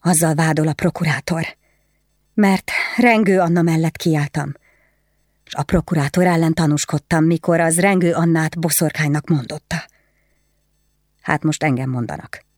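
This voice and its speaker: A jailed merchant wife answers in a steady, plain voice, composed in the face of a witchcraft charge, as a woman reads her in a storybook. The sound is dry and close. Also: low voice, dry recording. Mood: resigned.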